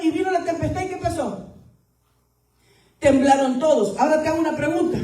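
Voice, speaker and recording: A woman pastor preaching a sermon to her church, rising to emphatic peaks and dropping to hushed asides. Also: high voice, echoey room, recorded from a distance, low-quality recording.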